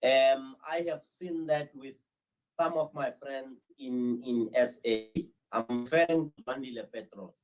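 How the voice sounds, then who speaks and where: A South African man answering as an interview guest, telling anecdotes with frequent "uh" pauses. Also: mid-range voice, lo-fi sound, faint music behind. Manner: hesitant, many "uh"s, steady storytelling. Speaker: interview guest, crime-prevention ambassador.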